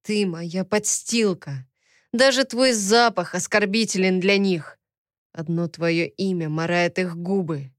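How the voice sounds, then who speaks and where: A woman voicing a cruel, domineering husband who speaks harshly in slow, snarling menace, reading an audiobook. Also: fairly low pitch, dry recording, clean studio sound. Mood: menacing. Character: cruel, domineering husband, grown man, furious.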